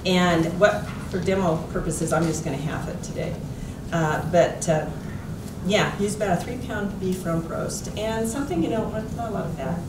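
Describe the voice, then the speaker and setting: An American woman giving an informal cooking demonstration in a folksy, unhurried way. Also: on the low side, heavy background noise. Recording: echoey room, distant mic, loud kitchen clatter.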